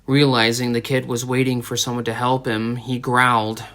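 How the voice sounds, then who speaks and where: A man reading a dramatic story aloud as an audiobook narrator, in a steady storytelling manner. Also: mid-range voice, normal speed. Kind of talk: scripted narration.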